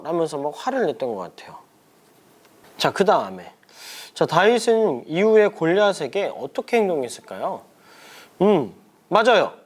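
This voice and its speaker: A young man from a church school leading a children's craft lesson, asking questions and exclaiming playfully. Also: high-pitched.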